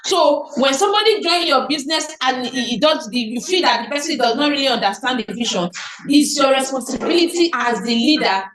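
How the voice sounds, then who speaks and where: Her voice sits high and sounds animated, brisk and a bit bright as this Nigerian-accented team leader delivers motivational business training online. She restates her points and poses questions only to answer them herself, heard through a call from an echoey room.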